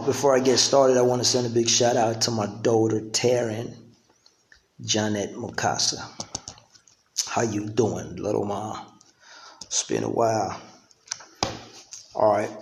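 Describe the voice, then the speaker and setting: A man's voice: fairly low pitch, roomy sound, slight background noise, low-quality recording. A middle-aged man from Uganda, raised in the US, talking in a loose, conversational monologue to the camera and often checking in with "you know what I'm saying". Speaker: vlogger.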